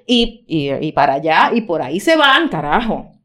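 A woman's voice: low voice, sing-song, moderate pace, fairly bright tone. A woman co-hosting a casual chat, blunt and profane, laughing often and acting out quoted lines. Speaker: podcast co-host.

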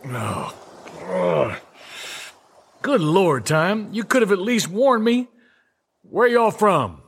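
A woman voicing a grumpy, gruff older Southern man just woken up in a car. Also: fairly low pitch, big pitch swings, slow pace, pitched below the performer's own voice, full character voice. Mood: disgusted. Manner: gruff, exasperated.

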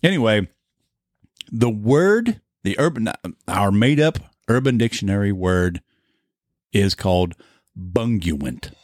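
A man's voice: on the low side, big pitch swings, measured pace, no room sound, clean studio sound. A man co-hosting a podcast in casual, playful chat, giggling and rambling as he goes. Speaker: podcast co-host.

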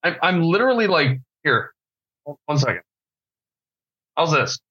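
A man's voice: a little high, big pitch swings, unhurried, pushed and bright, slightly rough. Man on a dull, distant headset mic. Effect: dull, distant Bluetooth headset mic. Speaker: podcast co-host. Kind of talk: casual chat about a tabletop game.

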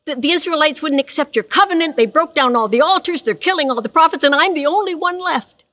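A distraught, overwhelmed prophet pours out his complaints in a high, hurried, pleading voice, as a woman acts him out during a sermon. The pitch swings widely, rising sharply as he insists that he alone is left. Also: animated, a bit bright. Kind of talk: retelling a scripture story in a sermon.

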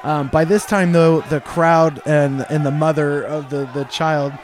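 A man's voice: a little high, steady tone, a little slow. Laughing game master man, noisy room. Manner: laughing, loose storytelling with fillers. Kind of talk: narrating a tabletop game.

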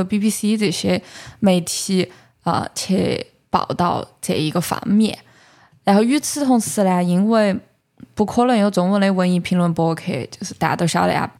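A woman podcast host speaks with a Sichuanese accent in a gravelly, fry-edged voice at a medium pitch. She explains things conversationally, as in a casual book talk, and slips English words into her sentences. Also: darkish tone.

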